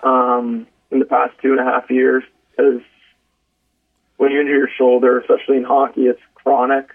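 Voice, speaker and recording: Young male athlete guest, monotone gravelly delivery, phone-quality audio. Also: mid-range voice, normal speed. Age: 20s. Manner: relaxed, frequent "um" and restarts. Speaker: guest, college hockey player. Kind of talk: casual podcast storytelling. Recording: phone-like narrow band.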